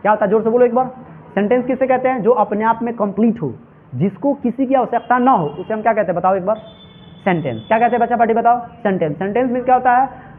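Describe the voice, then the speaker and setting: A man's voice: extremely high pitch, quick pace. A man teaching an English grammar lesson to students, drilling them with repeated questions and answering in call-and-response. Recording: tinny phone-like recording.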